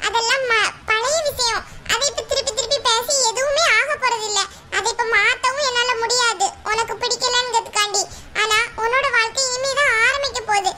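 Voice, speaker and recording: A woman voicing a gentle older sister in a cartoon, soft and pleading. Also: very high voice, steady tone, normal speed. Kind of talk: cartoon voice acting.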